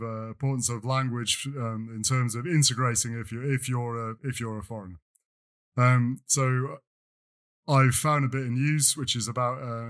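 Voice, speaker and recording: A man's voice: medium pitch, fairly bright tone. A British man co-hosting a podcast in casual chat, rambling with many fillers and restarts. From Britain. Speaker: podcast co-host. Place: lives in France.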